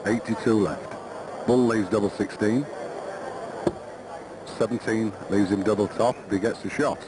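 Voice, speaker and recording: A man's voice: on the low side, steady tone, normal speed. A man giving live television commentary on a darts match. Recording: noisy broadcast over loud crowd. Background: loud darts crowd.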